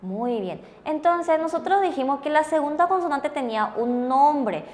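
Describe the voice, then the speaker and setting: A woman's voice: high-pitched, animated, moderate pace, a little mellow. A woman teaching a language lesson, patiently explaining steps and confirming answers with her co-teacher. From Paraguay. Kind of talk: classroom explanation with questions.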